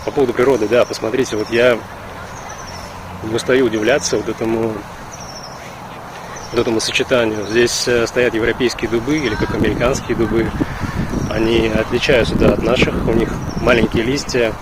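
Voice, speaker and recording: A man from Russia, chatting in a halting, reflective way in a casual vlog recorded outdoors with wind on the mic. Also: mid-range voice, flat delivery. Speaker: vlogger. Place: outdoors in a park. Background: wind and outdoor ambience.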